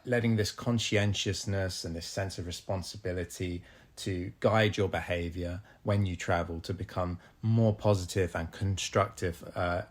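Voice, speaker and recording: A man with a very deep voice co-hosts a casual podcast chat. He speaks haltingly and often restarts his phrases as he works through an idea. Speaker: podcast co-host.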